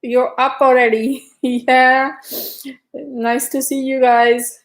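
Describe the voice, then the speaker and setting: A middle-aged woman chatting casually on a livestream, greeting viewers by name and talking haltingly with restarts. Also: sits high, little pitch movement, poor audio. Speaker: livestream host.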